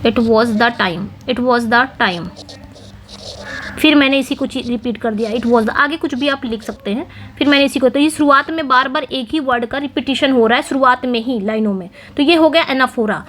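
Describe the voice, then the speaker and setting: A woman explains English literary terms for exam preparation, going through each answer step by step. She reads English phrases out slowly and carefully. Her voice sits high, with a faint background hum. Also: a bit bright. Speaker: English teacher. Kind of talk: exam-prep lesson explaining multiple-choice answers.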